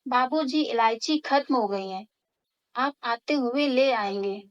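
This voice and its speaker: A woman voicing a cheeky, lazy young daughter-in-law who makes sly, deadpan comebacks. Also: fairly high pitch, takes it slowly, lo-fi sound.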